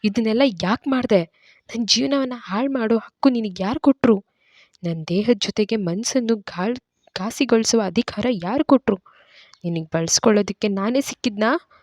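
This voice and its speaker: A woman's voice: steady tone, a little slow, darkish tone, dry recording. A woman voicing a hurt and angry young heroine in a dramatized romance story reading, accusing and pained. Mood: bitter. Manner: accusing, pained, raised pitch. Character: young woman, wounded and furious.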